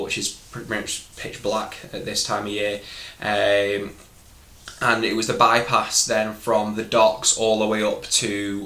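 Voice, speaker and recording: Here a man from northern England talks to camera as a vlogger, his low-ish voice pushed and bright. He's casual, candid and slightly hesitant, with a Northern English accent, and the room echoes around him.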